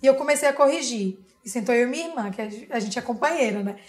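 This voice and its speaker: High-voiced Brazilian woman telling her story. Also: fast talker. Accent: Brazilian Portuguese. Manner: lively storytelling with frequent tag questions. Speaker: interview guest. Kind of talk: personal story told in an interview.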